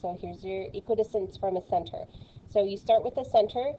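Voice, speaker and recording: A woman's voice: medium pitch, brisk, dark tone, dull audio. A woman teaching a recorded math lesson, chatty and playful, with lots of fillers.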